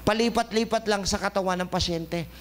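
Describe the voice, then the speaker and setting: A man with a fairly high voice leads a lively health lecture in a studio. He jokes as he goes and keeps testing his listeners with quick questions. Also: a little hiss or hum. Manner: joking, quizzing listeners with questions. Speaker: health talk show host and doctor.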